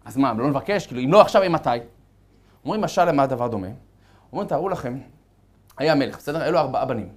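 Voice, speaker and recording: A male rabbi giving a sermon, with animated storytelling and chuckles as he talks. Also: medium pitch, long pauses. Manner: animated storytelling, acting out characters.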